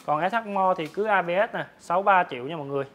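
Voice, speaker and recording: A man, a motorbike dealer, giving a hard-sell promotional sales pitch to viewers, repeatedly rattling off prices. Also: very fast, a bit bright. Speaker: motorbike dealer presenting his stock. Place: large open-sided metal-roofed motorbike warehouse.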